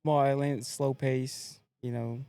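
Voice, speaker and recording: A young man from American Samoa, a podcast guest telling his story in a relaxed, laid-back casual chat. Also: mid-range voice, slow pace, gravelly, dry recording.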